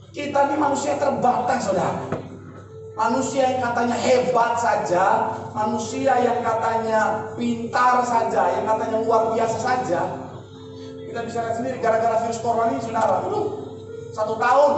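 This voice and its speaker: A male pastor preaching a sermon in a large church, asking rhetorical questions with emphasis. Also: very high-pitched. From Indonesia. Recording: echoey church hall from far off.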